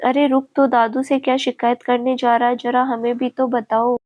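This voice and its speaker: A woman's voice: a little high, level tone, moderate pace, a little mellow, natural voice. A woman voicing a stern, impatient young male CEO in a storybook reading, talking in a bossy, scolding way. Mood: angry.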